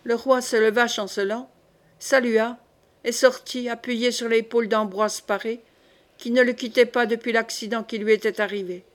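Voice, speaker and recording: Woman audiobook narrator, steady storytelling, slightly high pitch. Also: moderate pace. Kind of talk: scripted narration of a historical novel.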